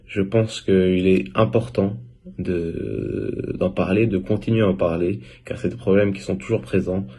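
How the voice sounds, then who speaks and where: A man with a very deep voice speaks sincerely and hesitantly in an interview. His tone is dark and husky. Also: steady tone, a little slow. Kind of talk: interview statement.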